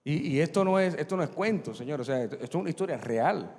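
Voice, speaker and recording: A middle-aged male pastor preaching with a high voice that swoops up and down in wide arcs. He acts out the dialogue of the scripture in changed voices and has the congregation repeat phrases after him. The sound carries a long reverb from a large church hall. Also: animated, quick pace, darkish tone. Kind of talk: sermon.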